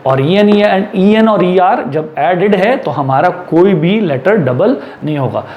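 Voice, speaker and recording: Male tutor, high animated voice, slow drawn-out rule reading, echoey room. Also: dull audio. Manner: slow, stretched reading of English rules, quick Hindi explaining. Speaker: English teacher. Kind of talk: classroom lesson in Hindi mixed with English. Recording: echoey room with faint background noise.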